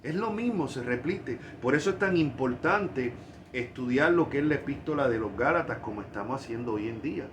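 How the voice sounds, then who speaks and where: A man's voice: mid-range voice, expressive, fairly quick, background noise. Emphatic Puerto Rican male preacher. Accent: Puerto Rican Spanish. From Puerto Rico. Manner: emphatic, rising on key points. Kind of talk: sermon.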